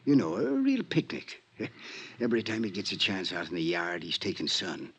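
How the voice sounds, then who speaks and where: In a 1950s radio drama, an actor plays an ailing old male convict who is short of breath, coughing, and weak, pleading eagerly in conspiratorial street slang. His low, exaggerated voice swoops wildly in pitch at a moderate pace, raspy, breathy, and gasping, with a sly, eager mood.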